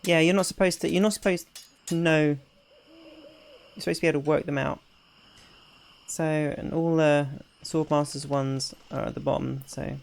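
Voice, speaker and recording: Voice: mid-range voice, steady tone, normal speed, gravelly, long pauses. A streamer giving casual, chatty gameplay commentary, thinking aloud.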